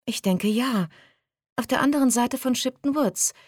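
A woman putting on a brisk, cheerful girl hiker. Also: on the high side, slightly rough, no room sound, clean studio sound, pitched above the performer's own voice. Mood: explaining. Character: brisk upbeat girl hiker, map reader.

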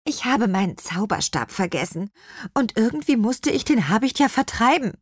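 A woman's voice: on the high side, normal speed, no echo, studio quality, pitched above the performer's own voice. A woman voicing a kindhearted storybook apple witch, speaking expressively. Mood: relieved. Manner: lively, expressive. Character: kindly apple witch, female, warm-hearted.

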